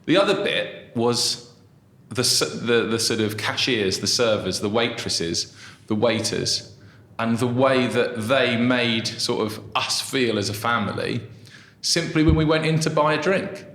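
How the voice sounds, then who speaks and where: A man's voice: mid-range voice, measured pace, a bit bright, roomy sound. A man in his thirties, raised in England, chatting as a restaurant co-founder guest in a small room, self-deprecating and full of fillers. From Brazil, raised in England. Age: 30s. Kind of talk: casual interview chat. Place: small room in an office building.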